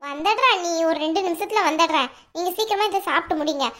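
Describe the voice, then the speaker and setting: Woman voicing a brisk cartoon sister-in-law. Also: very high voice, a bit bright. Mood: reassuring. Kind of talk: cartoon voice acting.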